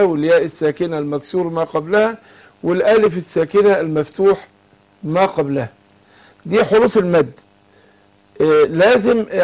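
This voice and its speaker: An Egyptian man with a high voice teaches Quran recitation rules on a call-in lesson. He talks patiently and keeps prompting his student to complete each word. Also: darkish tone. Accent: Egyptian Arabic. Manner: patient, asks students to fill in words.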